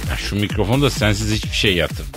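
A man's voice: fairly low pitch, expressive, fast, music in the background. A man hosting a comic radio show, playful and theatrical, drawing out words for effect.

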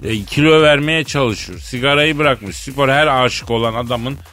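A man hosting a radio comedy show, telling a rambling tall tale in a deadpan way, in a studio. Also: medium pitch, moderate pace, soft background music. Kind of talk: comic storytelling.

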